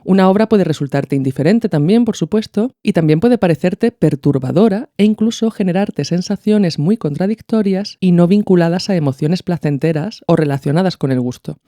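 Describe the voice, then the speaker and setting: A woman with a Peninsular Spanish accent hosts a podcast, offering thoughtful, informal, reflective commentary alongside a literary reading. Her lowish, mellow voice moves at normal speed with few pauses, recorded in a clean studio with no echo.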